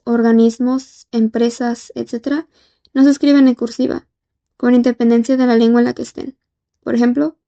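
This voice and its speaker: A woman lecturing from her notes, her voice pitched a bit high with a dark, mellow tone. She slows down to spell out example words and fills pauses with "eh". The recording sounds dull and lo-fi. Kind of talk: reading lecture notes on Spanish orthotypography. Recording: dull lo-fi audio.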